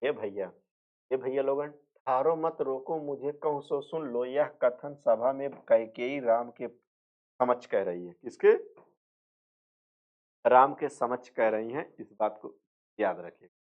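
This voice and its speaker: A man's voice: medium pitch, unhurried. A male teacher giving an exam revision lecture, repeating points, asking and answering his own questions, and slipping into rural dialect for jokes. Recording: tinny phone-like sound.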